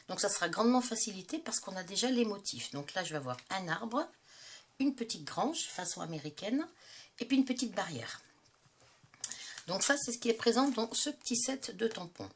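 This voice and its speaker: A woman's voice: mid-range voice, slight background noise. A woman from France with a stuffy head cold, hosting a casual craft tutorial and talking in a chatty way with many hesitations. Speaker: craft channel host.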